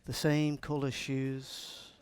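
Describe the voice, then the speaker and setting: A medium-pitched, smooth voice comes from a middle-aged agile coach from Liverpool, England, who has a Scouse accent. Though he speaks slowly with a completely flat delivery, his live conference talk is chatty and jokey, with questions thrown to the room.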